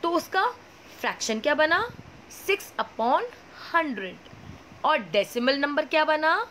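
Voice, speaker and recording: Woman, maths teacher, high voice, slow clear explaining, faint background noise. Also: animated, pushed and bright, rough recording. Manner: asks questions and answers them herself; slow, clear explaining with many checks like "okay?". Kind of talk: classroom lesson.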